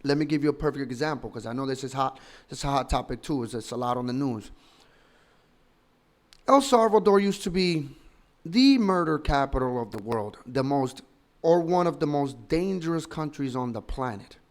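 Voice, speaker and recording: A man's voice: mid-range voice, animated, normal speed. A man in his thirties from the Dominican Republic, a political commentator giving opinionated, emphatic and argumentative commentary full of rhetorical questions. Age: 30s.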